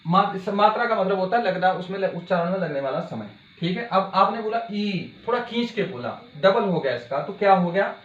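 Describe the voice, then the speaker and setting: A male teacher giving an exam-prep grammar lesson, asking his students questions and repeating key words slowly. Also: high-pitched, lively intonation. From India. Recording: dull, echoey room with faint hiss.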